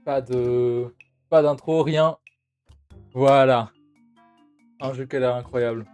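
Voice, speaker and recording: A man's voice: mid-range voice, fairly even intonation, slow, a little mellow, smooth, soft background music. A man streaming a video game, talking casually and hesitantly as he plays. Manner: chatty, hesitant, many filler sounds. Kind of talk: casual gameplay commentary.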